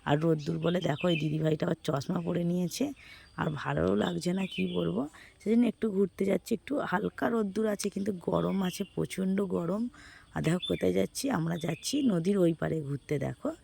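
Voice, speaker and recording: Hoarse, gravelly woman chatting to viewers. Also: on the low side, fairly quick, dark tone, slight background noise. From West Bengal, India. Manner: chatty, addressing viewers as friends. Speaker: vlogger. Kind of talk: casual vlog voice-over. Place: outdoors.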